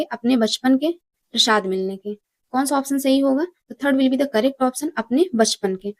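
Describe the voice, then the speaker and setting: Lady teacher going through exam questions, asks then answers herself, highish voice, dry close sound. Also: darkish tone, no room sound. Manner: asks questions and answers them herself, repeats key words. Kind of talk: exam-prep lesson.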